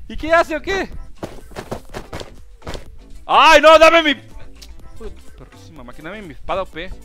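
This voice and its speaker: Young Mexican streamer, high voice, yelpy and excitable, game music behind. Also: male voice, slow pace, long pauses. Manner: excitable, loud outbursts and laughs. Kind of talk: live gaming stream commentary.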